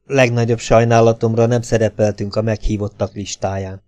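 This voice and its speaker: A man's voice: on the low side, dry recording, natural voice. Man doing a terse, cold American agent. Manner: terse and flat. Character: cool, curt male American agent interrogator.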